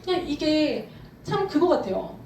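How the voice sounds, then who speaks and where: High-voiced woman preaching in an echoey hall. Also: expressive, measured pace, a little mellow, a little hiss or hum. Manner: fervent, emphatic preaching with shifts in pace. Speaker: pastor. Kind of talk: sermon. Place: church sanctuary. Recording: echoey church hall, from far off.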